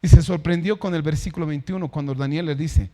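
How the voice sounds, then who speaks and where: A male pastor preaching a sermon, stressing words by slowing down and swinging between loud declarations and hushed asides. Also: on the high side.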